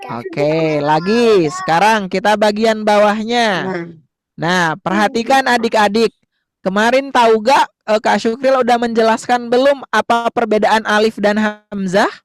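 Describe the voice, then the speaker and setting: A man's voice: high voice, a little slow, no room sound. A man teaching young children to read Arabic letters, patiently repeating words and coaxing answers in call-and-response.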